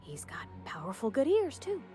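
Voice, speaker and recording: A woman's voice: a little high, huge pitch swings, normal speed, warm tone, faint music behind. An actress playing a folksy young female crew member with a homespun way of talking. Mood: wry. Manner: folksy, homespun turn of phrase.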